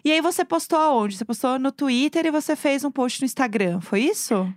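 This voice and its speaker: A woman's voice: high-pitched, lively intonation, a little fast, no room sound. A woman host, chatting expressively and gushing with slang exclamations. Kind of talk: casual chat.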